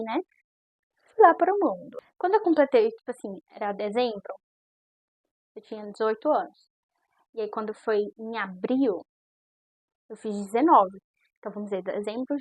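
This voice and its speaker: Girl in her 20s telling her faith story, chatty and earnest, husky voice, dry close sound. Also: on the high side, a little mellow, dry recording, low-quality recording. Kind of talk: personal faith testimony.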